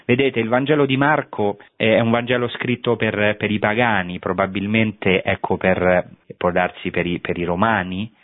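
Low-voiced man lecturing over thin radio. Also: fairly even intonation, no room sound. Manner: thoughtful, pauses to search for words with many hesitations. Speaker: Bible teacher. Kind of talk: explanatory Bible lecture. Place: on site at a historic holy place. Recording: thin phone-like radio broadcast.

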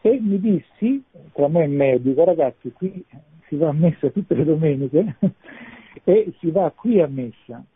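Male priest calling into a radio show, heard over the phone; husky, tinny line, thoughtful and searching. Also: fairly high pitch, lively intonation, unhurried, no echo. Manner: reflective, searching for words with small restarts. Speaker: parish priest phoning in as guest. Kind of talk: radio call-in testimony.

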